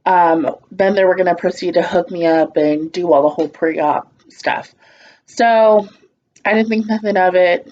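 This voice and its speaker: Lowish-voiced woman telling a storytime, blunt and sarcastic, swears a lot, muffled lo-fi audio. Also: measured pace, a little mellow. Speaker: storytime vlogger. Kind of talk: casual storytelling.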